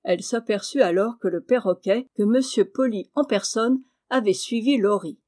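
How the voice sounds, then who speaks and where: A woman narrating a classic novel as an audiobook reader, calm and measured. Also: medium pitch. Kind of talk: scripted narration.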